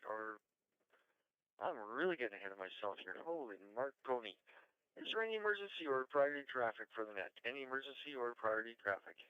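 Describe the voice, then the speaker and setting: A man's voice: mid-range voice, animated, fast, clear, resonant tone, no room sound, muffled recording. A man hosting an amateur radio net as controller, informal, folksy and courteous, calling out call signs and check-ins.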